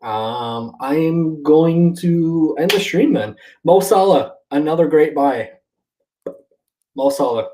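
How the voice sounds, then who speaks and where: Young Canadian male co-host, higher voice with lots of pitch swing, insistent casual banter. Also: animated, slow, few pauses, warm tone, a little hiss or hum, poor audio. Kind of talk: casual live-stream chat.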